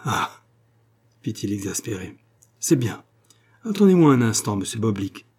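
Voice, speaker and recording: A man's voice: on the low side, normal speed, dark tone, husky. A man voicing an honest, timid old head clerk in an audiobook, speaking in a trembling, wounded way. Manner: trembling, embarrassed, then indignant. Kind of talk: audiobook character reading.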